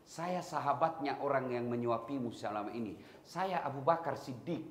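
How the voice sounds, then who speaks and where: A calm companion speaks softly and evenly, in a gentle, measured way, as a male preacher puts him on. The voice is plain and unhurried, with a roomy hall echo around it. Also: mid-range voice, a little hiss or hum, natural voice. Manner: soft, measured speech.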